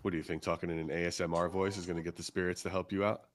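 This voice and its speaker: A man's voice: deep voice, level tone, rapid-fire, crowd noise. A man co-hosting a live paranormal stream, steering the group toward decisions and reading the chat aloud. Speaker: co-host.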